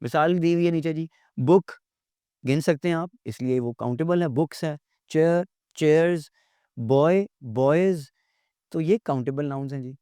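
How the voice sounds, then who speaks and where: A man giving a recorded grammar lecture, explaining in Urdu-Hindi and reading English definitions slowly and deliberately, often correcting pronunciation. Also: a little high, dark tone, smooth, no echo, clean studio sound. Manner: corrects pronunciation by repeating words.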